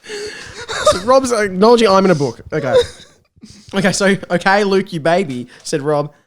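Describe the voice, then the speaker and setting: A podcast host with a high, sing-song voice talks at a moderate pace, chatting casually in a comedic way. He reads aloud from his own old fan fiction, mocking himself and often breaking into laughter.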